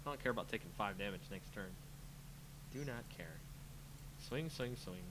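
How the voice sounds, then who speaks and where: A man's voice: lowish voice, moderate pace, noisy background. A man giving casual live commentary on a game he is playing, talking to himself playfully as he thinks. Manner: muttering to himself, self-talking, playful sing-song filler. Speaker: host of a card game channel, playing.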